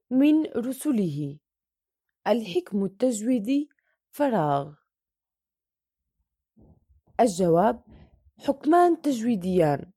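A woman's voice: mid-range voice, mellow, slightly rough, no room sound, clean studio sound. A woman teacher reading a Quran recitation worksheet aloud, going through each question and answer methodically and drawing out the example words.

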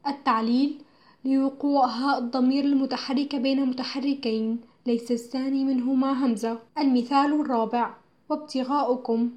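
A woman reading a religious studies textbook lesson aloud, measured and clear, with slow, careful recitation of verses. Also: sits high, steady tone, darkish tone. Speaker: narrator of a school textbook audio.

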